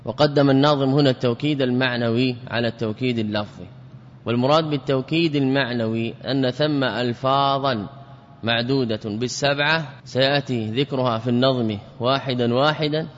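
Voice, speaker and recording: A man's voice: medium pitch, steady tone, brisk. Man teaching grammar, echoing and lo-fi. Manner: explains by repeating words and asking himself questions. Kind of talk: classical lecture. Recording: dull lo-fi audio with reverb.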